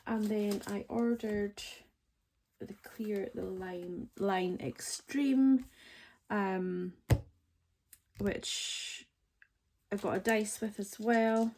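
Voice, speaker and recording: Speaking slowly in a dark, medium-pitched voice, this budgeting vlogger in her forties wanders through a casual chat as she displays her budgeting items, poking fun at herself along the way. Crinkling packaging sounds right next to the microphone.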